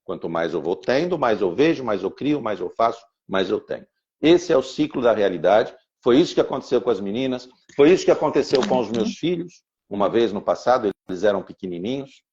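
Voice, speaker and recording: A man's voice: fairly low pitch, expressive, fairly quick, a little mellow. A man teaching on a podcast and telling a personal story, with rhythmic repeated phrases and stammered restarts. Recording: dull lo-fi sound.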